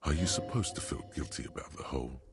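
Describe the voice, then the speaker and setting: An actor playing a game's grave inner-voice narrator, speaking in a measured, deliberate way. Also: male voice, a bass voice, lively intonation, over music. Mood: dry, ominous. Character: deep male inner-voice narrator of a game.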